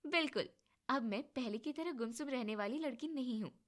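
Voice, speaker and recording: Woman doing a soft-spoken shy young wife. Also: high voice, normal speed, natural voice. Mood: gentle. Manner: soft, quiet and hesitant. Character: shy, gentle young wife, long unloved.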